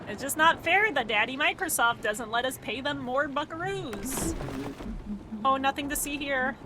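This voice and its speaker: A woman's voice: high-pitched, slow, long pauses, background noise. A woman streaming a game, chatting casually as she plays, rambling and swearing freely. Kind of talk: casual gameplay chat.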